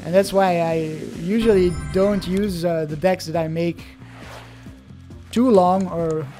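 Soft music underlies the casual, hesitant chatter of a young adult from Belgium who keeps restarting thoughts while opening card packs. A native Dutch speaker with a Belgian Dutch accent, they speak slowly in a mellow, mid-range voice with fairly even intonation.

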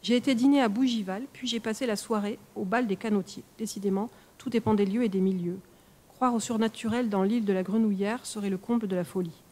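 A woman reading a first-person horror story aloud in a measured, expressive storytelling manner for a live stream. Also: medium pitch. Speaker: reader.

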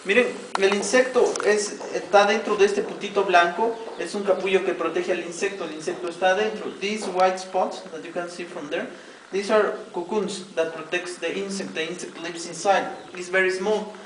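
A weaving cooperative guide with a Mexican Spanish accent leads tourists through a weaving demonstration in a workshop, explaining each step in Spanish and then repeating it in English. His voice is high, with fairly even intonation and a normal speed. The camera audio is distant and roomy, with background noise.

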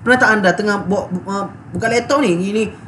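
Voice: medium pitch, fast, a bit bright, a little hiss or hum. A coach with a Malaysian Malay accent giving a live sales coaching talk in a chatty, fervent and emotional way, laughing often, recorded on a phone. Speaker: online business coach.

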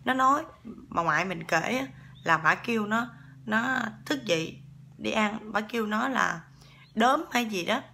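A woman with a Southern Vietnamese accent tells a ghost story in a relaxed, chatty way and keeps turning to her listeners. Her voice is bright and pointed, with a gravelly fry running through it. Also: medium pitch, measured pace, slight background noise. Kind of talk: casual ghost-story telling.

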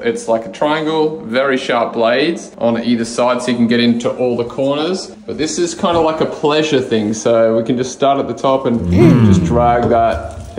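A man in his thirties filming himself on a phone with a lapel mic while renovating an empty house, chatting and explaining his work with some frustration. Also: medium pitch. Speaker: home renovation vlogger. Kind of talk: casual self-filmed vlog. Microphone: lapel mic, phone held at arm's length. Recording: echoey bare rooms with noise.

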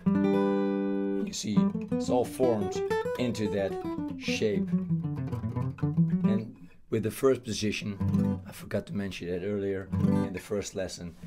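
A man from the Netherlands with a hoarse, worn voice, giving a loose, chatty guitar lesson full of fillers. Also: fairly low pitch. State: hoarse, losing his voice. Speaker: guitar teacher. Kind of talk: casual video lesson.

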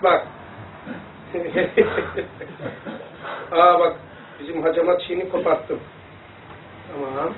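A man giving an informal religious lesson, rambling and animated as he demonstrates things to his listeners. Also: on the high side, extremely slow, long pauses, noisy background. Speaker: religious teacher. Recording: echoey room, distant phone-like mic.

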